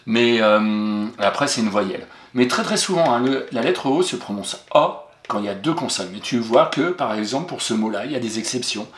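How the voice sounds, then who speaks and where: In a spelling lesson for a young child, a man patiently encourages the pupil and spells words out letter by letter. His mid-range voice is expressive, at a moderate pace with few pauses; the recording has roomy echo and a little hiss or hum.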